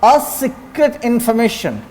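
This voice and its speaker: A man teaching an exam-prep grammar lesson, quizzing students with rhetorical questions and then answering them, saying example words slowly. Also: extremely high pitch, big pitch swings, darkish tone, big-room sound.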